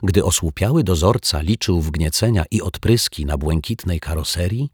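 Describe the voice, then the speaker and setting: Brief: male storybook narrator, low and husky, slow, dry close mic. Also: dry recording. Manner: measured, expressive narration. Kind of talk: storybook reading.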